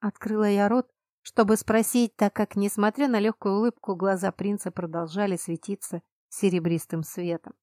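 A woman narrating a first-person fantasy audiobook in an expressive, emphatic manner on a close mic. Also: medium pitch, normal speed, no echo.

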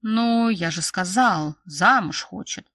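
A woman's voice: on the low side, animated, normal speed, dry recording, studio quality, recorded from a distance. A woman voicing a brash young male boss who is sly, smug and pushy, in an audiobook. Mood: patient. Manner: smug, wheedling, then snapping orders.

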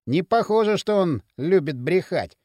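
A man voicing a calm, thoughtful young leader of a street gang. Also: sits high, dry recording, clean studio sound. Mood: cool. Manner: measured and cool.

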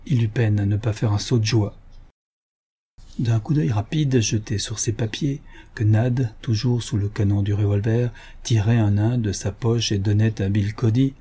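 A man reading an adventure novel aloud in a steady, measured narration. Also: lowish voice, slightly rough. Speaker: audiobook narrator. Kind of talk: scripted narration.

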